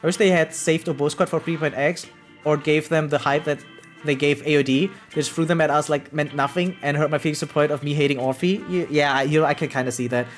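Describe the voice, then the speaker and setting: A deep-voiced woman talks fairly quickly during a live game stream, soft music playing underneath. She is animated and outspoken, cursing freely as she vents, and she keeps checking in with her audience through rhetorical questions.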